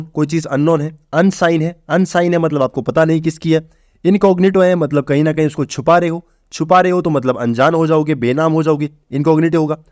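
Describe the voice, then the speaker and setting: In a clean, echo-free studio recording, a man with a fairly high, darkish voice teaches English vocabulary for exams. He keeps it casual, calling students "bhai," walking through each point step by step and answering his own questions.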